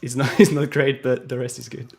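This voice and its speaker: A man's voice: medium pitch, little pitch movement, a little fast, vocal fry, darkish tone. Chatty man thinking aloud while coding. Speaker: live stream host. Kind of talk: casual coding walkthrough.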